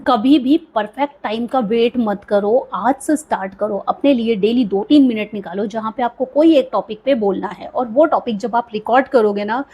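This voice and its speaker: Husky young woman giving encouraging speaking tips. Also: a little high, darkish tone. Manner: encouraging, conversational, frequent "theek hai" check-ins. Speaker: speaking coach, video creator. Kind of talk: motivational tips talk to camera.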